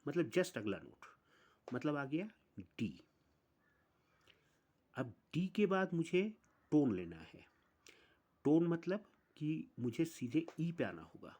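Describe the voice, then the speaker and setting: Slow, deliberate male music teacher. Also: on the high side, warm tone. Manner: slow, deliberate, counts notes aloud one by one. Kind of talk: explaining music theory step by step.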